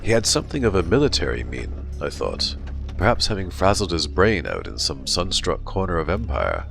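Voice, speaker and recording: Deep, gravelly, pompous narrator. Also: male voice, sing-song, moderate pace, a bit bright, a little hiss or hum. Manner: pompous, self-satisfied diarist. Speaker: audiobook narrator. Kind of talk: dramatic diary narration. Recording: music bed behind.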